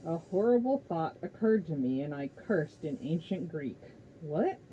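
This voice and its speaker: A woman reading a novel aloud, steady with small slips. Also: deep voice, moderate pace, dull audio, a little hiss or hum. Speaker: reader.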